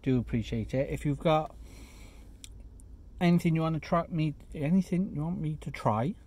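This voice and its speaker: A man reviewing a fast food burger in a chatty, casual vlog, sometimes talking with his mouth full, sitting in a parked car. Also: fairly high pitch, a little mellow. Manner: chatty, eats while talking, self-deprecating asides. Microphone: phone camera.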